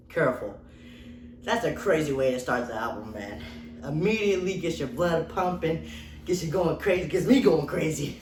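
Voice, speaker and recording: Young male music reviewer, hyped and profane, mid pitch, distant mic in a roomy space. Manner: excitable, heavy swearing, slangy. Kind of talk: casual reaction-style album review. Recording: echoey room, voice far from mic, faint hiss.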